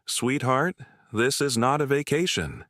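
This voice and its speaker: A man voicing a soft-spoken, tender young mother. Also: medium pitch, lively intonation, unhurried, no echo, studio quality, pitched above the performer's own voice. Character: warm-hearted young mother, quiet and tender.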